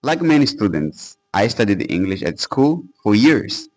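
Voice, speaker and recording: This English-learning YouTuber, a young native Portuguese speaker from a Portuguese-speaking country, speaks English earnestly to camera in a motivational vein. His lowish, slightly mellow voice is very animated yet measured in pace, peppered with "bro" and fillers.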